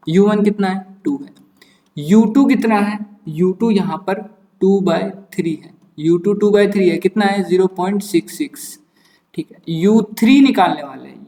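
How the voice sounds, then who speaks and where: A man's voice: high voice, mellow, echoey room, long reverb tail, far from the mic. A man teaching a maths lesson online. He explains each step, mixes English terms into his speech and puts questions to his students.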